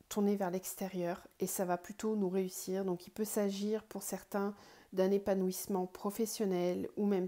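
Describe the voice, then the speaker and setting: Woman doing a tarot reading for viewers, soft mellow tone, bit sick so her voice cracks sometimes. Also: mid-range voice. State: slightly ill, voice cracking at moments. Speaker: tarot card reader and online guidance host. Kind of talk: spiritual card reading addressed to viewers.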